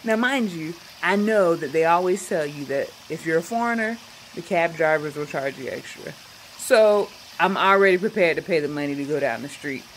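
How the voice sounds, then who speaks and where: Woman telling a travel mishap story, chatty and animated, lowish voice, faint noise behind. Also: normal speed, poor audio. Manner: animated, acts out the people in her story. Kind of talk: casual personal storytelling.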